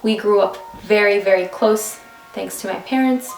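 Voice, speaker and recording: A vlogger in her twenties from New York City talks casually, with plenty of asides, in a get-to-know-me video recorded by phone at home. She has a gravelly, mid-range voice at a moderate pace, and faint music fills the roomy space.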